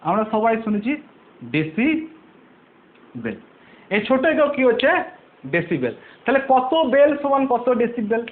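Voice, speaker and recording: A man with a very high voice teaches physics, walking through each idea patiently. He keeps asking rhetorical questions and answering them himself, repeating the key words. The audio is thin and phone-like. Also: very animated, a little slow, long pauses. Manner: repeats key terms, patient step-by-step explaining. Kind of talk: online physics lesson.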